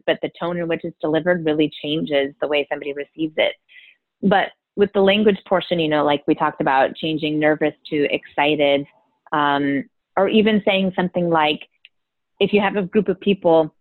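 Being interviewed on a podcast, this woman explains her thinking as a drama therapist and keeps asking "right?" to check in. She speaks at normal speed with a low pitch, and the audio is dry and phone-like with no room sound.

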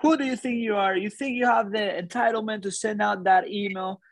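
A man's voice: high-pitched, steady tone, a little fast, no room sound, voice pushed up. A man acting out a short, furious male bank executive who screams at an employee in front of the office. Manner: screaming, indignant.

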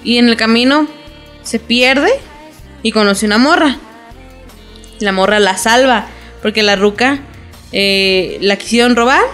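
A young Mexican woman with a fairly high voice, retelling a show's story in loose, slangy chat. She talks with lively energy, and faint music sits behind her. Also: unhurried, pauses often. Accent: Mexican Spanish. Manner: animated retelling with crude slang. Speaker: co-host recapping a series.

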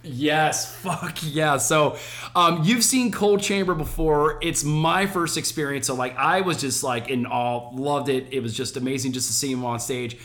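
A man co-hosting a podcast, telling an excited story in casual chat with frequent fillers. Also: medium pitch, normal speed. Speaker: podcast co-host.

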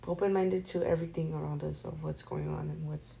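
A young woman co-hosting a casual podcast chat, talking softly and rambling with many fillers. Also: deep voice, big pitch swings, fairly quick, gravelly, slight background noise, poor audio. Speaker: podcast co-host.

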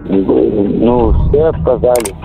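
A soldier calling home over an intercepted radio phone line, blunt and swearing often. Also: male voice, medium pitch, slow pace, vocal fry. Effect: intercepted radio phone call. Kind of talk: casual phone call. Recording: tinny intercepted phone line, faint music.

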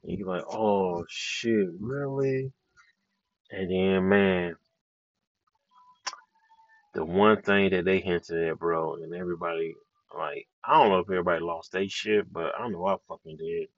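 A man giving a casual movie reaction, excitable and slangy, swearing a lot. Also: low-pitched, normal speed, dry recording, highs cut off. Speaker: movie reviewer.

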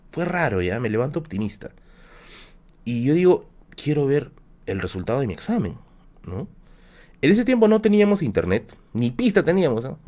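A man with a Peruvian Spanish accent, casually telling a personal anecdote on his live stream, full of slang and fillers. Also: medium pitch. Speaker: livestream host.

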